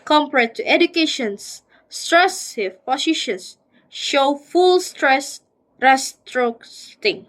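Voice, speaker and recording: Woman with an Indonesian accent, student presenter; reads definitions and sounds out syllables very slowly in a high voice. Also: expressive, a bit bright, rough recording. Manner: slow, syllable-by-syllable reading of words and definitions. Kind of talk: reading a phonology exercise aloud.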